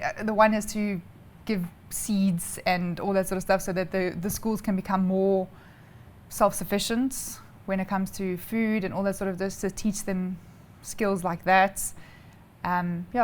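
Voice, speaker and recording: The interview guest is a female air traffic controller with a South African accent and a medium-pitched, darkish voice. She responds to questions casually, laying things out step by step in a conversational way.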